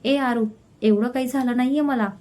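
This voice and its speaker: A woman voicing a stubborn young woman who plays down her own troubles in a gentle, reassuring way. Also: sits high, fairly even intonation, moderate pace, lightly acted.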